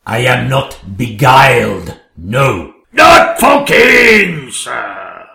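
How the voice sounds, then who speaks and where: A man's voice: medium pitch, animated, slow pace, crowd noise. Pompous, greedy, swooping king. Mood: gleeful, blustering. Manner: pompous, theatrical, relishing alliteration. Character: pompous, greedy, rhyming hungry king, lecherous and blustering. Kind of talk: theatrical rhyming comic drama.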